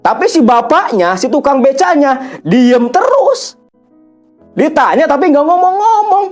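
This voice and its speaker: A man's voice: very high voice, big pitch swings, a little slow, faint music behind. A man narrating a ghost story in a chatty way, full of repeated fillers.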